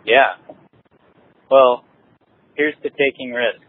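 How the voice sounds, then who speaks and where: A man talks casually as a podcast host, keen and restarting his sentences midway. His voice sounds slightly husky and comes through a thin, narrow line like a phone. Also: medium pitch, slow. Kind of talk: casual conversation.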